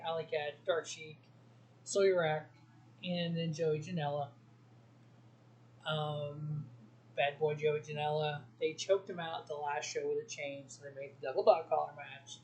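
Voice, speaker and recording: A man's voice: fairly high pitch, a little mellow, low-quality recording. A man hosting a wrestling review show, giving blunt opinions in a casual solo talk full of ums and restarts.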